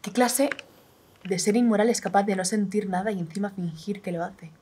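A young actress playing a young woman who feels nothing, speaking in a quiet, detached monologue. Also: mid-range voice, moderate pace, a little hiss or hum, lightly acted. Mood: wry, reflective. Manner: quiet, hushed and detached delivery. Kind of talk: theatrical monologue. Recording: voice from a distant mic.

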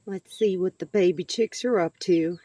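This homesteading vlogger is a middle-aged woman chatting casually outdoors, folksy in manner and occasionally addressing her chickens. She speaks at a normal speed in a fairly low, mellow voice with a breathy edge. A handheld camera or phone at arm's length records her.

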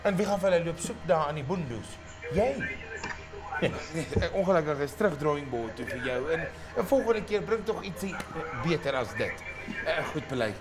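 Sceptical male boss, played by an actor, broad swings in pitch, South African Afrikaans accent, screen drama. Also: lively intonation, normal speed, over music, natural voice. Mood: sceptical, dismissive. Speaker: boss in a boardroom meeting. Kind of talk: screen comedy-drama dialogue.

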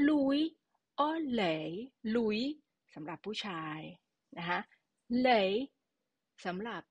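A woman's voice: mid-range voice, animated, very slow, a little mellow, husky, dry recording, highs cut off. A woman teaching a language lesson, patiently explaining and repeating key words for her students.

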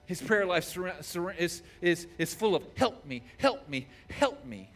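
A pastor in his forties, high-voiced and with big swings in pitch, preaches passionately from a church stage at a moderate pace. Over soft background music, he moves between shouted declarations and whispered prayer.

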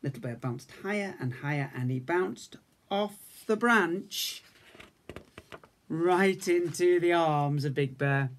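Speaking slowly in a fairly high voice, this English-accented man in his fifties reads a children's story the way an infant school teacher would for young pupils. The recording takes place indoors in a home room.

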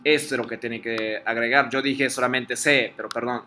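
Bright-voiced male teacher. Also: mid-range voice, steady tone, moderate pace, slight background noise. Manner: patient, explains step by step and checks with students. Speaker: Japanese teacher. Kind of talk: online class teaching Japanese in Spanish.

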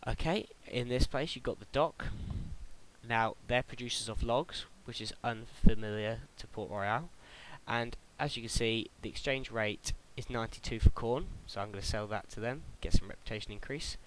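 A man's voice: medium pitch, normal speed, a bit bright, a little hiss or hum, low-quality recording. A young British man hosting a casual game tutorial voice-over, chatty and prone to stumbling over his words. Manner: chatty, stumbles and restarts, laughs at own slips. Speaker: gaming tutorial host.

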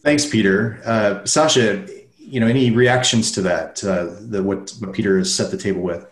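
Deep-voiced host man in a roomy echo. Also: normal speed. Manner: brief, friendly prompts to guests. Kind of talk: moderating a panel on a video call. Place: home room indoors. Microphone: webcam on a video call. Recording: roomy echoing webcam audio.

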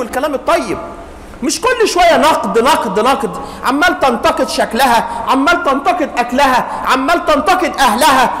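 In an echoey indoor hall with faint noise, a middle-aged man with an Egyptian Arabic accent gives an animated public lecture in colloquial speech, recorded on a clip-on lapel mic. His voice is extremely high-pitched and fairly bright. A family-studies teacher delivering a religious lesson, he advises the audience like a wise mentor, using humour and acted-out examples.

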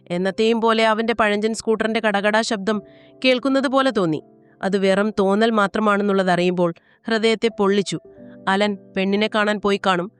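A woman narrating a romantic story in a soft, even reading voice. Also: mid-range voice, clean tone. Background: faint music.

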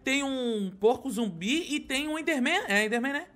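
A man hosting and narrating a Minecraft role-play, excitable and full of exclamations. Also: extremely high pitch, moderate pace. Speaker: host.

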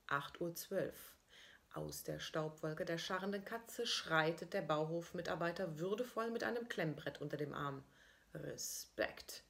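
A woman's voice: lowish voice, creaky, fairly bright tone. A woman reading her own first-person diary-style story aloud in a dry, ironic manner.

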